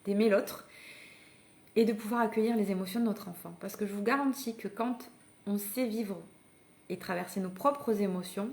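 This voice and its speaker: A woman's voice: medium pitch, normal speed, darkish tone. A woman parenting coach giving a live masterclass, talking conversationally and encouragingly to her listeners, with frequent hesitations and restarts. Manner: addresses the listeners directly and invites them to act. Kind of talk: live online masterclass talk.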